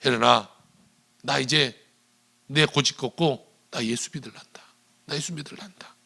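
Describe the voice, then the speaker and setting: A male pastor quoting an elderly mother, her lines set inside a sermon story in his own lively voice. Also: on the high side, fast talker, vocal fry, exaggerated voice. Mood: pleading. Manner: plain quoted speech inside a sermon. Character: elderly mother, stubborn then tearful.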